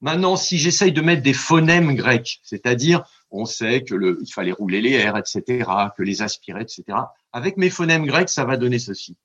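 A man's voice: mid-range voice, moderate pace, hardly any pauses, slightly rough, dull audio. A man, a translator and scholar, giving a long, digressive radio interview answer with stammering restarts. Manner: digressive, stammering restarts, lively demonstrations of recited verse. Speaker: translator and scholar of ancient Greek. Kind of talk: radio interview, explaining at length.

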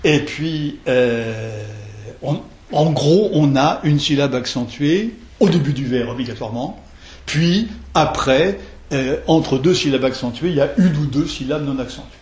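A man giving a lecture on verse translation, talking in a digressive, halting way with many restarts, reciting lines of poetry and tapping out their rhythm aloud. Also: fairly high pitch, animated, a little mellow. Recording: roomy lecture hall recording, faint noise.

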